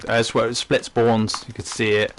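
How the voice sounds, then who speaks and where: A man's voice: mid-range voice, monotone, moderate pace, a little hiss or hum. A man commenting casually while playing a game on a live stream, rambling and chatty with many fillers. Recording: game gunfire audible behind voice.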